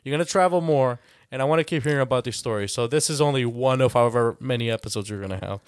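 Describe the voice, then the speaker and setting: A man's voice: mid-range voice, quick pace, smooth, no room sound, studio quality. A man whose first language is Spanish, hosting a podcast in a casual, easygoing chat and now and then dropping in Spanish phrases. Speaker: podcast host.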